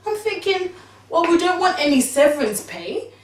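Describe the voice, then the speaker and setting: An actress playing a young married, pregnant woman, animatedly recounting events to her mother, at times exclaiming and at times hushed. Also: very high-pitched, sing-song, moderate pace. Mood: worried. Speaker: daughter confiding in her mother. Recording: distant, roomy sound with faint background noise.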